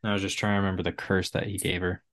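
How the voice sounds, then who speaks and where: A man's voice: low voice, level tone, rapid-fire, fairly bright tone, no echo. A man co-hosting a casual book discussion podcast, rambling with lots of "like" fillers. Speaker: podcast co-host.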